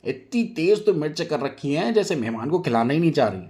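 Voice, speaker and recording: A man voicing a loud, rude and boastful woman who scolds and taunts everyone in a storybook tale. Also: fairly high pitch, sing-song, fairly quick, pitched above the performer's own voice. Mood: taunting.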